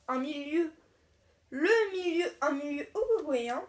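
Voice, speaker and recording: Woman host with a high pitch, easygoing and a bit halting, talking viewers through an unboxing. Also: expressive. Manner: halting, chatty, lists names one by one. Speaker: video host. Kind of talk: casual card-unboxing commentary.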